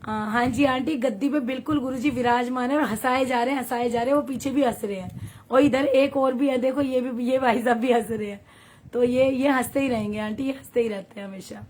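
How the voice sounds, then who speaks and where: Chatty woman from Haryana, fairly high voice. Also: steady tone, a little fast, slight background noise. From Haryana, India. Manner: chatty, warm, laughs often, reads viewer comments aloud. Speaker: satsang leader on a livestream. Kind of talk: devotional storytelling and live chat.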